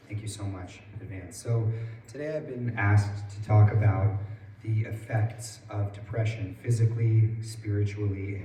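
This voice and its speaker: A man in his twenties with a hoarse, worn-out voice, giving a personal public talk as a guest speaker. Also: fairly low pitch, warm tone. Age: 20s. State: hoarse from losing his voice that morning. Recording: roomy echo, distant mic, faint noise.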